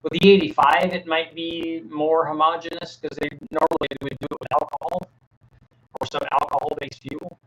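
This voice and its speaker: A man's voice: on the high side, flat delivery, normal speed, fairly bright tone, poor audio. A middle-aged man hosting a casual live Q&A, answering viewers' technical questions in a plain-spoken way, often restarting his sentences. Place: home workshop with a fan running.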